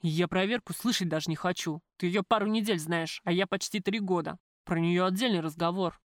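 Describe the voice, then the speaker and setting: Brief: woman narrator doing a gruff, bossy middle-aged father for an audiobook; scolding, contemptuous, commanding, in a close dry read. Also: fairly low pitch, fairly quick, no echo, lightly acted. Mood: mocking, bossy.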